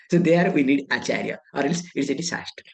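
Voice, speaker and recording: A woman with an Indian English accent giving a scriptural discourse as a spiritual teacher, speaking deliberately, weaving in Sanskrit terms and answering her own rhetorical questions. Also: low-pitched, vocal fry.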